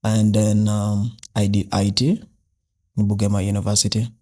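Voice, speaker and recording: A man's voice: lowish voice, level tone, normal speed, mellow. A young man from South Sudan, a podcast guest talking casually with many fillers and restarts. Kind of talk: casual interview.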